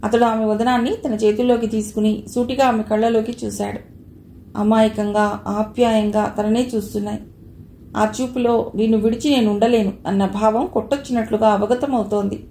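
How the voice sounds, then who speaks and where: Woman narrator reading a novel, smooth and steady, fairly high mellow voice, roomy echo. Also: slight background noise. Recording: echoey room.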